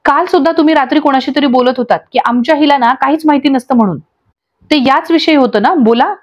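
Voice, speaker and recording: A woman voices a distraught young wife in a storybook recap, pleading and accusing through tears, angry and breaking into sobs. Her natural voice sits high and moves fast, though the recording is muffled.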